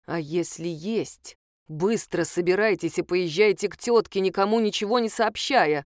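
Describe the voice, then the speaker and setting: A woman reader voicing a shrewd middle-aged female sleuth, who talks in a low, hushed and persuasive way. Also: normal speed, dry recording, studio quality, lightly acted. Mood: conspiratorial.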